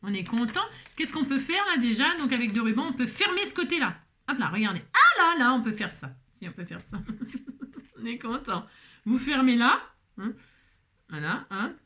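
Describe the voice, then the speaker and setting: A woman's voice: fairly high pitch, sing-song, normal speed, pushed and bright. A woman chatting playfully through a card-making tutorial, joking at herself with teasing asides. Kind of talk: crafting tutorial chat.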